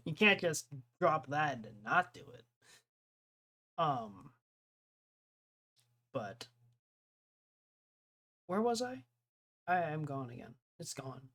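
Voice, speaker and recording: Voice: medium pitch, a bit bright. A young streamer in casual chat with live viewers, rambling, laughing often and jumping from topic to topic.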